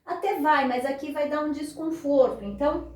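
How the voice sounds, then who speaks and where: A woman's voice: high-pitched, moderate pace. A woman teaching beginners guitar, explaining patiently step by step and counting beats aloud. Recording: echoey room, voice a bit far from mic, guitar playing.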